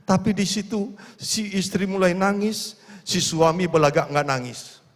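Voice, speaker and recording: A man's voice: sits high, a little slow. A man preaching a sermon, telling stories with acted quotes and building to fervent calls to praise. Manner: storytelling with acted quotes, rising to fervent exhortation. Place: large church hall. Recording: long church reverb.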